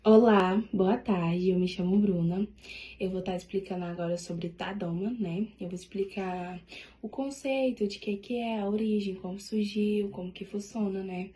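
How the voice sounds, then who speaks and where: A woman's voice: mid-range voice, steady tone, normal speed, mellow. A woman giving a class presentation, hesitant and full of tag fillers. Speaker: student presenter.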